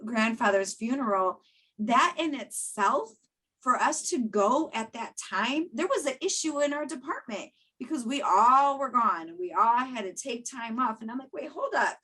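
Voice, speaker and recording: A woman in her thirties talks earnestly on a podcast, circling back on her phrases to drive a point home. Her voice sits fairly high and sounds bright. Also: expressive, moderate pace, breathy edge, low-quality recording. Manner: earnest, repeats phrases for emphasis. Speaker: podcast co-host. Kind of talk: casual chat.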